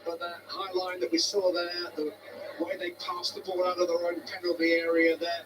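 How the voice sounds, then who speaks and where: Man, football commentator, high voice, measured analytical play-by-play, noisy broadcast sound. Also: completely flat delivery. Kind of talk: live match commentary.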